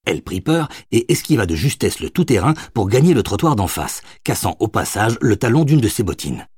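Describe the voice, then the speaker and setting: A man narrates an audiobook with expressive storytelling. His husky voice sits fairly low yet moves a lot in pitch. The recording is close and dry, with no room sound. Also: brisk, dry recording.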